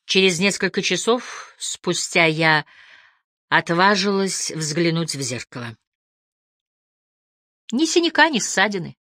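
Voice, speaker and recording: A woman reads a first-person story aloud as an audiobook narrator, her voice sitting on the lower side. Her delivery is expressive, with a lively pitch that swings between hushed and lifted tones. The recording is dry and close, with no room sound. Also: takes it slowly, long pauses, no room sound.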